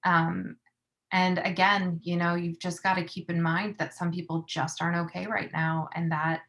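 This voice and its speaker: A woman's voice: on the low side, little pitch movement, normal speed, fairly bright tone. A woman sharing thoughts in a group discussion over a video call, thoughtful and full of fillers. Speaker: workshop participant.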